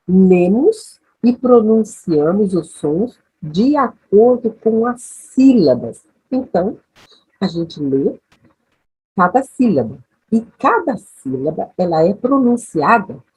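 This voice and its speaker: A woman teacher leads her lesson at an unhurried pace, her voice breathy and husky. Her tone is soft and mellow, and her pitch moves widely as she checks in with the class after every step. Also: poor audio. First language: Portuguese. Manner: patient and repetitive, checking in with "ok?". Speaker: English teacher. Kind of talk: slow, patient classroom lesson.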